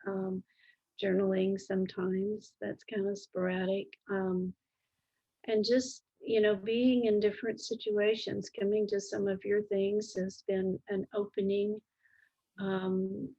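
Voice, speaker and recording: A middle-aged or older woman speaking in a calm, gentle, reflective way in an interview, halting as she searches for words. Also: medium pitch, lo-fi sound. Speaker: interview guest.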